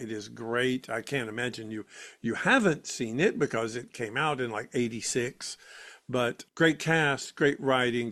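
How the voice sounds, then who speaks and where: A man's voice: mid-range voice, fairly bright tone. A man co-hosting a podcast, enthusiastic and prone to stammering and restarting sentences. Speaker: podcast co-host. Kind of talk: casual chat.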